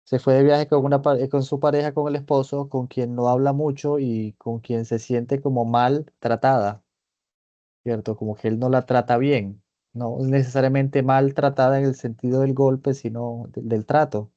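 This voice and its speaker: A man presenting a clinical case in a seminar, talking it through in a measured, reflective way and often checking in with his listeners. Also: mid-range voice, level tone, dark tone, dry recording, lo-fi sound. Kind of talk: seminar lecture, thinking aloud. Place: online meeting.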